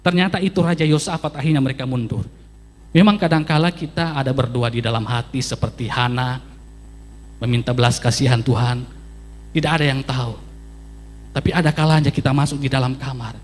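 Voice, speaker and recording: A man's voice: mid-range voice, fairly even intonation, fairly quick, long reverb tail. A man pastor preaching a sermon emphatically, with sweeping rises and drops and repeated phrases for emphasis.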